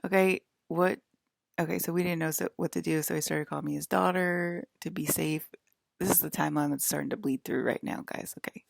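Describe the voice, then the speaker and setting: This forties-aged vlogger addresses her viewers directly in a meandering, defiant, scolding monologue, asking "okay?" and "right?" after almost every point. She talks a little fast in a low-pitched, creaky voice with fairly even intonation, captured in clean, dry studio sound.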